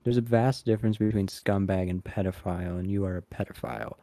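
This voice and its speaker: A man with a low, gravelly voice in a voice call, taunting and dismissive. His tone is dark and mellow. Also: fairly even intonation, fast talker. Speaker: accuser in a community dispute. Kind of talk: heated voice-chat argument. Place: online voice chat.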